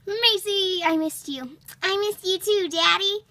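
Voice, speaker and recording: A woman's voice: very high-pitched, a little slow, sharp tone, pitched above the performer's own voice, full character voice. A young girl voicing an eager, boastful little daughter in improvised dollhouse play. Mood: eager, excitable.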